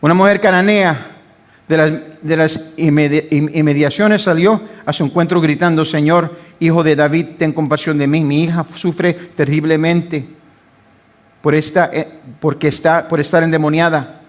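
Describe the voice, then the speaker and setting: An older pastor preaches a sermon from the pulpit with fervour, his slightly high voice rising into loud pleading and dropping into quiet asides to his congregation. His tone stays steady and his pace moderate.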